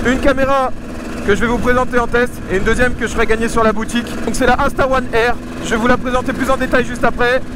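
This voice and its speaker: A man vlogging casually and excitedly from inside a motorcycle helmet while riding, raising his voice and using plenty of slang. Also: very high-pitched, fast talker. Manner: loud, raised voice over the engine, slangy. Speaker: motovlogger presenting a camera. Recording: engine noise behind helmet-mic voice. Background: motorcycle engine and road noise.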